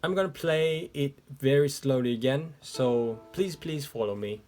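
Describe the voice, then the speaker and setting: Indoors and seated, a man whose native language is Japanese slowly explains a ukulele tutorial in English, one step at a time, with the instrument playing in the background. His voice is medium-pitched with a darkish tone, and there's slight background noise.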